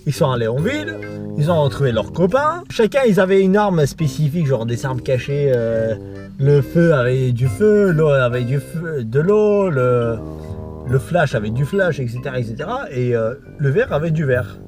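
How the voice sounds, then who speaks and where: A man's voice: fairly high pitch, very animated, normal speed, over music. A man talking casually and drunkenly, rambling through a film recap in repetitive, sweary slang and losing his thread. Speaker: video host.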